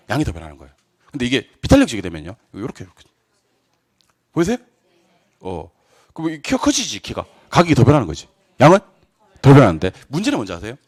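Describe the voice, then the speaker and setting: A middle-aged man giving a classroom lecture, drilling students with quick questions and answers and joking asides. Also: mid-range voice. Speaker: real estate exam lecturer.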